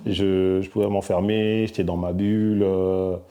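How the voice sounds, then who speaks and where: A middle-aged man from Belgium, answering interview questions in a soft-spoken, hesitant way with many fillers. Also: sits low, flat delivery, measured pace. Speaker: musician guest.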